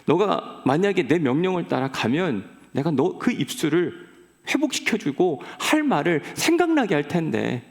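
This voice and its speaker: Pastor doing a gruff fed-up god voice, scolding, pitched way up, echoey hall. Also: male voice, very animated, normal speed. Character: exasperated God scolding a reluctant servant.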